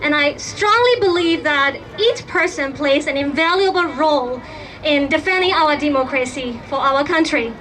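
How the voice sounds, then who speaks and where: Very high-pitched impassioned woman speaker. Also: moderate pace, fairly bright tone. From Burma. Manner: impassioned, emphatic, addressing a crowd. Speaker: rally speaker. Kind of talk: protest rally speech.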